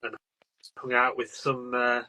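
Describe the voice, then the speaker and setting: A man's voice: mid-range voice, level tone, unhurried, sharp tone. A man co-hosting a garden podcast in a casual chat, with a dry, teasing manner. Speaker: podcast co-host.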